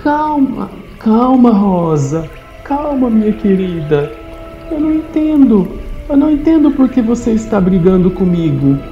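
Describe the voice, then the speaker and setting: A woman's voice: on the high side, very animated, a little slow, faint music behind, voice pushed up. A woman voicing a meek, bewildered male frog who talks in an apologetic, whiny way. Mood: soothing. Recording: roomy, dull lo-fi sound.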